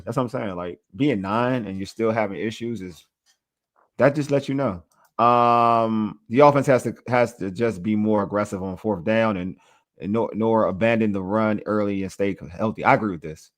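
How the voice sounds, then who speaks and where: A man hosting a casual sports podcast, talking in an animated, hyped way that swings from loud excitement to quiet asides, often repeating himself and ending lines with "man". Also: on the low side, normal speed. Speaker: podcast host.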